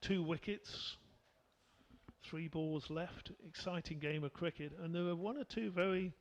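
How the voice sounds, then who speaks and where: A man's voice: a little high, measured pace, dull audio. A man doing live cricket commentary, chatty and rambling with lots of fillers, from a commentary position at the ground.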